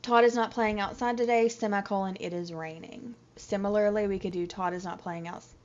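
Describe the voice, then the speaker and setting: A woman's voice: medium pitch, fairly even intonation, a little fast, a little mellow. A woman teacher recording a slide lecture, chatty, explaining step by step with examples. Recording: dull lo-fi audio.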